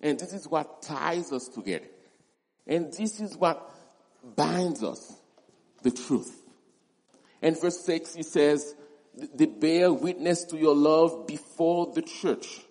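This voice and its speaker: A male pastor preaching a verse-by-verse sermon, speaking deliberately and repeating key words for emphasis. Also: on the high side, a little mellow. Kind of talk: expository sermon. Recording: long reverb in a large hall.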